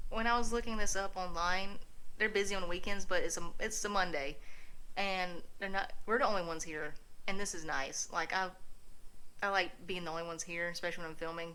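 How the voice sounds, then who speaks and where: Excited woman vlogging a museum house. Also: mid-range voice, rough recording. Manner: excited, gushing, lots of "like" and "oh my God". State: hot and sweaty. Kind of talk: walking tour vlog. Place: historic house museum, indoors.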